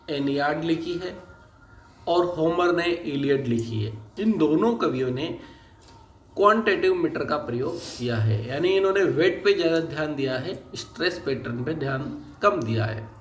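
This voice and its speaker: A man with a fairly high voice gives a patient lesson. He explains each term step by step and reads English lines out slowly, word by word. The recording sounds roomy and echoey, with a faint hiss underneath. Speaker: teacher. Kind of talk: recorded lecture explaining English poetic meter. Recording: echoey room with faint background noise.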